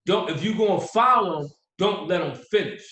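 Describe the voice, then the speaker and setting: A man co-hosting a casual sports podcast, animated and quick to laugh, getting heated when he argues a point. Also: sits high, echoey room, poor audio. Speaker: podcast co-host.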